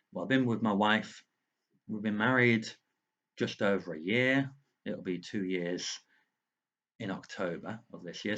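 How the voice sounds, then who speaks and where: A low-voiced man with a slight lisp, an author vlogger, rambles a bit as he speaks earnestly to the viewer in a casual lockdown video diary shot indoors at home. The sound is lo-fi.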